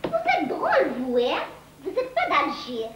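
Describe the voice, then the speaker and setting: A woman's voice: extremely high pitch, huge pitch swings, a little slow, echoey room, noisy background, exaggerated voice. An actress playing a chatty young woman with a pied-noir accent, a typing student who talks familiarly and exclaims a lot. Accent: pied-noir French. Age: young adult.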